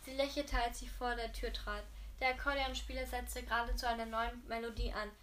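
A woman's voice: a little high, little pitch movement, brisk, fairly bright tone, slight background noise. A woman reading a novel aloud, often stumbling and correcting herself mid-sentence. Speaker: reader.

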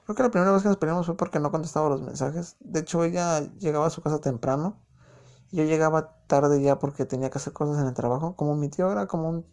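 A man's voice: on the high side, quick pace, a little mellow. A young man from Mexico City with a chilango accent, casually telling a personal story in a chatty, joking way full of slang fillers. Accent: Mexico City Spanish. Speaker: podcast host.

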